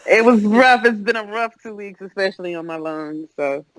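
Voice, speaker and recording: A woman's voice: mid-range voice, normal speed, dry recording, low-quality recording. A woman co-hosting a podcast in casual chat, congested from a respiratory infection, easygoing and candid. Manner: easygoing, candid, laughs along. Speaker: podcast co-host.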